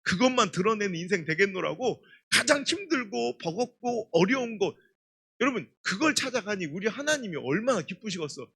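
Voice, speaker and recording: A middle-aged man preaching a revival sermon, telling stories in an emphatic, animated way. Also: high voice, moderate pace, creaky, slightly rough. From Chungcheong, Korea. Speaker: guest pastor.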